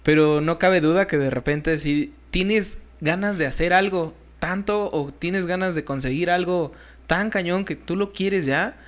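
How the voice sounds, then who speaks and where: A man co-hosting a casual chat in an animated way that slips into acted-out little voices. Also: high-pitched, a little slow. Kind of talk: casual conversation.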